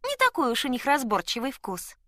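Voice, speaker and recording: A storyteller voicing a wise, kindly female goose who calmly reassures a frightened dwarf in a storybook reading. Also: sits high, brisk, no room sound, clean studio sound, pitched above the performer's own voice, full character voice. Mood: reassuring. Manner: calm, reassuring, helpful.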